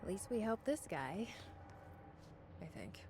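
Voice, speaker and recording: A wary dry-voiced agent. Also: female voice, mid-range voice, sing-song, unhurried, slight background noise. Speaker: game protagonist. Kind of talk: video game dialogue.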